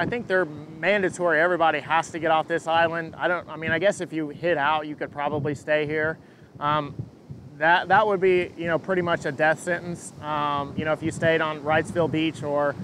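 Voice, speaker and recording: A man giving an unscripted live weather update as a forecaster, answering questions in a halting way and repeating words as he thinks. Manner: hesitant, halting, repeats words mid-thought. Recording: engine rumble and wind noise.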